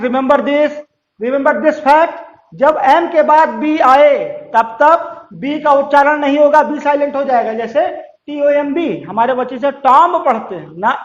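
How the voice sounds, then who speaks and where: A man with a high voice teaches a class, drawing out each rule slowly and repeating it several times. He keeps turning to his students with questions and then answers them himself. The sound is roomy and a little dull. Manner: slow, drawn-out repetition of rules; addresses students directly, asks and answers questions. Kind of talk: classroom-style lesson.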